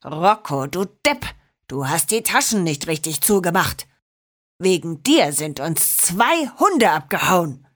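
A woman voicing a gruff male gangster who hisses and growls his lines. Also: on the low side, very animated, takes it slowly, fairly bright tone, exaggerated voice. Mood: furious. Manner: hissing, growling.

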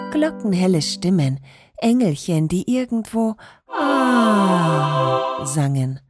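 A woman narrating a children's story in an expressive, lively storytelling manner. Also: on the low side, husky, dry recording, clean studio sound.

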